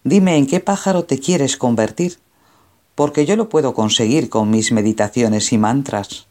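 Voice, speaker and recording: Man voicing a gentle, kindly Buddhist monk. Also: mid-range voice, unhurried, natural voice. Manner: gentle, soothing.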